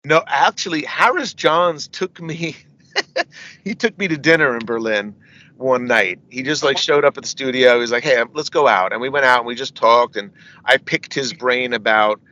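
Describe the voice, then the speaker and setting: In this lo-fi recording, a middle-aged man with a mid-range, pushed, bright voice speaks at a moderate pace. He is a metal singer being interviewed, drifting through anecdotes with laughter in between and a frequent "you know what I mean".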